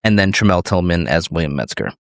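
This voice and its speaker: A man's voice: deep voice, animated, brisk, vocal fry, no echo, clean studio sound. A man co-hosting a podcast in casual chat, rambling and hesitant with many fillers. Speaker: podcast co-host.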